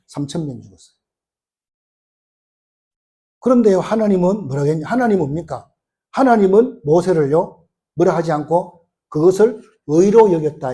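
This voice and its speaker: A man's voice: high voice, dark tone. A male pastor preaching a sermon, emphatic and colloquial, who keeps asking rhetorical questions and retelling scenes in plain everyday speech.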